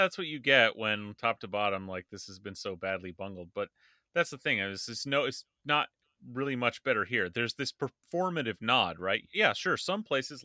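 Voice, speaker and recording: A man with a mid-range, sharp-toned voice co-hosts a casual political chat podcast. He's blunt and profane, with a sarcastic edge. The recording is clean studio sound with no echo.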